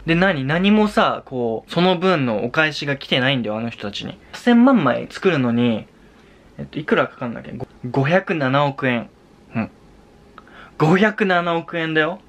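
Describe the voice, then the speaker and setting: A man's voice: on the high side, big pitch swings, moderate pace, fairly bright tone. Young Japanese man ranting casually. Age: young adult. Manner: exasperated, repetitive, switching into English swearing. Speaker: vlogger and Japanese tutor. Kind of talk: casual vlog rant.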